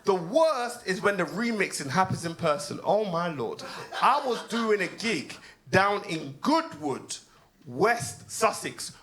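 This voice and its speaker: A British man, performing a stand-up comedy set, swinging between low deadpan asides and loud laughing punchlines. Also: takes it slowly, a crowd in the background. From United Kingdom.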